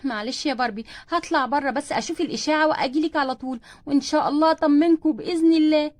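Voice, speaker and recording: A woman voicing a hesitant female doctor with an Egyptian accent, halting and soothing as she breaks bad news. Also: sits high, dry recording, close to an everyday voice. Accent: Egyptian Arabic. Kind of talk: doll play storytelling.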